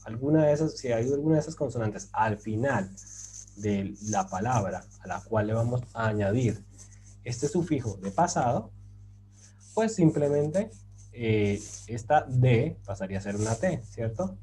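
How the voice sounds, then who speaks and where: A man's voice: medium pitch, lively intonation, measured pace, dark tone, low-quality recording. Patient male teacher explaining grammar. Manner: patient, rhetorical questions, many fillers. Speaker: language teacher. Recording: faint background noise.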